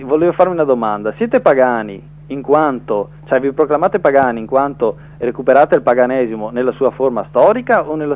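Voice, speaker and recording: A male caller is heard over the phone line, his voice dulled and muffled. He talks haltingly, full of fillers and restarts, at a middle pitch. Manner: hesitant, many fillers and restarts. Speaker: radio call-in caller. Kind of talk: casual debate on air.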